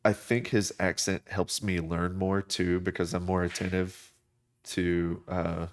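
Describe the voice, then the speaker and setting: Man, very deep voice, live-stream artist, casual rambling chat, lots of fillers, desk mic. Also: a little slow. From United States. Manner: relaxed, rambling, many fillers and restarts.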